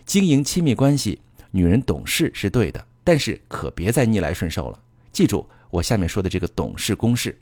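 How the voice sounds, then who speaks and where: Low, lively-toned male advice host. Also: no room sound. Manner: earnest, instructive, addresses listeners directly. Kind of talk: advice monologue.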